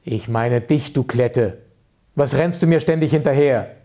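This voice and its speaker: A man's voice: medium pitch, a little slow, mellow, natural voice. A man playing a capricious, eccentric music director. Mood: gruff. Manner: theatrical, capricious, sometimes scolding, sometimes playful. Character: eccentric, temperamental male music director, middle-aged.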